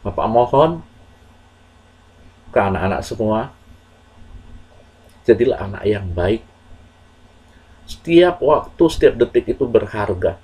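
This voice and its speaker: A man telling a moral story to children in a slow, earnest, measured way with pauses. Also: fairly low pitch, mellow, husky, low-quality recording.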